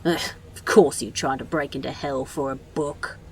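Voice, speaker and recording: A woman's voice: a bass voice, steady tone, moderate pace, vocal fry. A woman voicing a sardonic, bossy male demon in a fan audio drama, talking in a dry, exasperated, scolding way.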